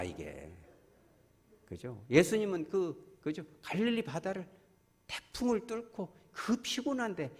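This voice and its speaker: Man preaching, pastor, husky voice, lively rising and falling pitch, long church-hall echo. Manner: animated, asks the congregation questions. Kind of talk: sermon. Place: church sanctuary.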